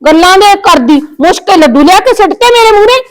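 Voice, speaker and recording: An actress playing a bossy, fussy middle-aged aunt who scolds and makes picky demands, with a Punjabi accent. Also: female voice, extremely high pitch, animated, quick pace. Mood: scolding. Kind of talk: village short film acting.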